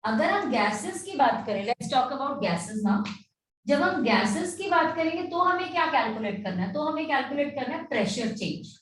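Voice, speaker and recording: A woman's voice: high voice, very animated, moderate pace. A woman teaching chemistry in a classroom lecture, mixing Hindi and English and often stopping to check that her students follow. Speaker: chemistry tutor. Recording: echoey room, mic at a distance.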